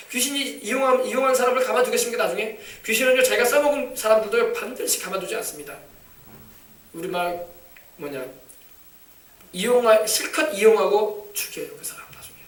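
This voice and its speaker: Fast, high-voiced preacher in an echoey church. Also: male voice. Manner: emphatic, calls for congregation replies; shouts commands at demons. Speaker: pastor. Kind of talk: sermon on casting out demons. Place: church sanctuary. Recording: echoey church, mic from a distance.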